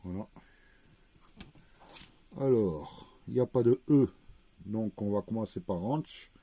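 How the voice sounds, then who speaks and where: A man with a low, very dark and mellow voice talks unhurriedly, spelling out letters one at a time as he checks each word. The sound is dry and close, with no room around it. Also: slow, vocal fry, no echo. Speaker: scratch-card vlogger. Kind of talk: casual commentary while scratching tickets.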